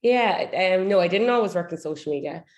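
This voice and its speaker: A woman with an Irish accent talks casually as an interview guest. Her voice is a little lower than most women's, and she answers in an informal, conversational style. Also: animated, fairly quick. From Ireland. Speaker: podcast guest, social media manager.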